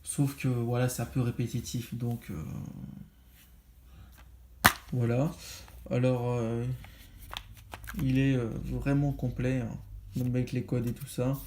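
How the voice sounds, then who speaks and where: A man's voice: mid-range voice, level tone, takes it slowly, long pauses, mellow, slight background noise. Rambling man reviewing games. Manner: rambling, many fillers and restarts. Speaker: video game collector vlogger. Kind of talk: casual haul review.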